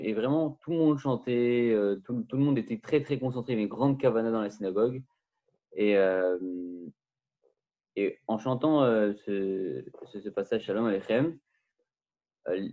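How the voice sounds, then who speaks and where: A man with a lowish voice gives an informal religious class, stumbling and repeating words as he gropes for the next phrase. The sound is thin and boxy, like it came over a phone line. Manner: halting, hesitant, many repeated words. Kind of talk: informal spoken lesson.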